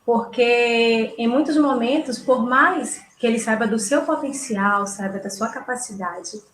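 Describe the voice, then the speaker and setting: Echoey room with some noise, Brazilian woman, higher pitch, deliberate short phrases, reflective answer. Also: a bit bright. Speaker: interview guest, teacher and coordinator. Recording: roomy echo, some background noise.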